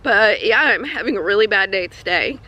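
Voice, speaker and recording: A woman talks casually to her viewers in a personal vlog recorded outdoors. Her voice is weak and strained from a troubled throat, with a bright, tense edge. She speaks haltingly, pausing partway through sentences. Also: medium pitch, expressive, rough recording. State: throat spasms with coughing and throat clearing. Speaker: vlogger. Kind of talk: personal health update vlog, casual talk. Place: outdoors on a hike.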